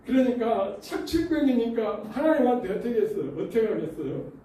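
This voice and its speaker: A male pastor preaches a sermon in a church sanctuary, speaking briskly in a very high voice. He tells stories with animation and throws rhetorical questions at the congregation. He is off-mic and recorded from a distance in a very echoey hall, with a little hiss or hum.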